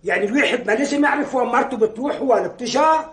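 Darbis, a hot-tempered husband. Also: male voice, very high voice, rapid-fire, a bit bright, reverberant. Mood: irritable. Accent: Lebanese. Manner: irritable, demanding, bickering. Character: quick-tempered jealous husband, middle-aged man. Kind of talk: sitcom acting.

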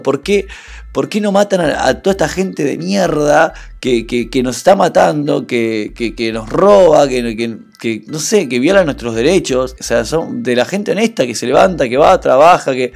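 A man's voice: on the high side, gravelly, darkish tone. A young Argentine man with a Rioplatense accent, hosting a reaction video and telling personal stories in a slangy, impassioned, emphatic way. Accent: Rioplatense Spanish. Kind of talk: reaction commentary and personal storytelling.

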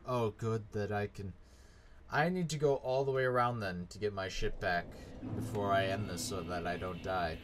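A man's voice: on the low side, moderate pace, background noise. A man giving sarcastic, frustrated let's play commentary while playing a game, swearing often. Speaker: gaming YouTuber.

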